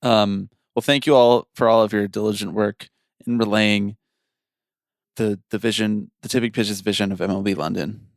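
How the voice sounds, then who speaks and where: Man, podcast co-host, low gravelly voice, jokey and loose, dry close mic. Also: fairly even intonation, moderate pace, no echo. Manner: joking, laughs often, trails off mid-sentence. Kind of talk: casual chat.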